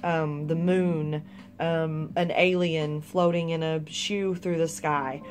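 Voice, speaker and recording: A woman's voice: low-pitched, steady tone, slow pace, soft background music. A young woman giving a casual, rambling tarot reading with some swearing. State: hiccups. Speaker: tarot reader.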